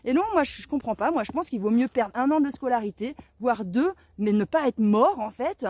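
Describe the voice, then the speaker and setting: A woman's voice: fairly high pitch, lively intonation, fairly quick, a little mellow, no room sound. A woman from Lorraine, France, in her thirties, talking to her viewers in an indignant, emphatic, chatty monologue. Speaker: vlogger.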